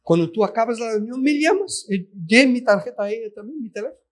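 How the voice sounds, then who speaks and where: Male preacher, high voice, emphatic sermon delivery. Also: expressive, fast. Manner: emphatic, addresses listeners as "queridos". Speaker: pastor.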